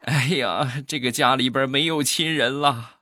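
A man's voice: mid-range voice, steady tone, unhurried, pushed and bright, soft background music. A man telling comic family stories in a casual, self-deprecating, wry way. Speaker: comic storyteller.

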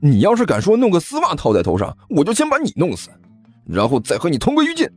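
A man voicing an exasperated young man who yells and panics in an audiobook. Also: on the high side, huge pitch swings, quick pace, breathy edge, no room sound, soft background music, pitched above the performer's own voice, heavily acted. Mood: indignant. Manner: yelling, panicked.

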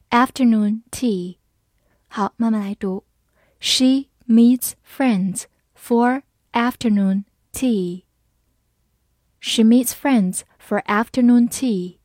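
A woman teaching English vocabulary in a scripted lesson, spelling out words letter by letter and reading example sentences slowly. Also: a little high, darkish tone, no echo, studio quality.

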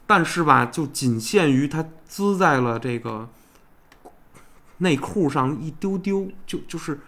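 A man with a Beijing accent telling stories in casual chat, colloquial, earthy and animated, like a talk show host. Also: fairly high pitch, unhurried. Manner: colloquial, crude and animated storytelling with swearing. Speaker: podcast host.

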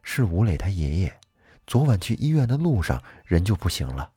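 A man voicing a middle-aged village mother, speaking low, quiet and matter-of-fact. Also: very animated, moderate pace. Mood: brisk.

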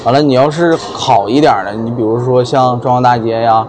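A man's voice: mid-range voice, fairly even intonation, a little fast. A man from China giving casual interview answers as a small business owner, thinking aloud. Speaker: milk tea shop owner being interviewed. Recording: busy crowd chatter behind.

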